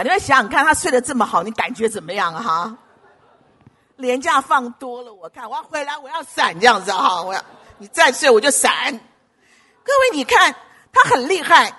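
A pastor preaching a sermon, emphatic and full of rhetorical questions, swinging between loud urging and hushed asides. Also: sits high, slightly rough.

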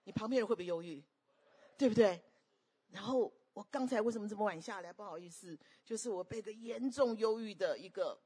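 Husky-voiced woman preaching with animation. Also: mid-range voice. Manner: animated, questioning the congregation. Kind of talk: sermon.

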